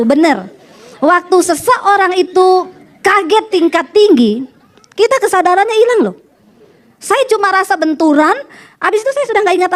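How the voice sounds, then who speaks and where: A woman pastor preaching a sermon, telling stories dramatically and pressing her points with forceful, punchy emphasis. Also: high-pitched. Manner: dramatic storytelling, acting out voices in quotes; forceful, punchy exhortation with sudden slow emphasis.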